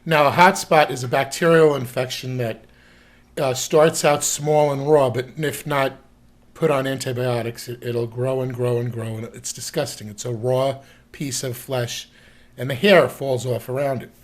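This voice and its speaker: A man's voice: mid-range voice, fairly even intonation, normal speed. Rambling man telling vet anecdotes. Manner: rambling, chatty, a little crude. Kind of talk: casual storytelling to camera.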